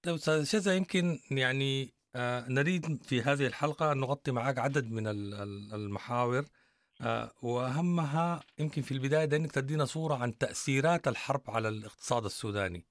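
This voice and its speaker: A man's voice: mid-range voice, fast talker, no room sound. A man with a Sudanese accent hosting a public radio interview.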